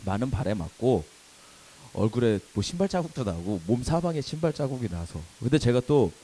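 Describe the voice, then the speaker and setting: A young adult man preaching to a youth service, telling a funny personal story with lively acted quotes and laughter. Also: mid-range voice, a little fast, a little hiss or hum, low-quality recording. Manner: animated storytelling, laughing at himself, acting out quoted shouts. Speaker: youth pastor. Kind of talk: sermon with personal anecdote. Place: church worship hall.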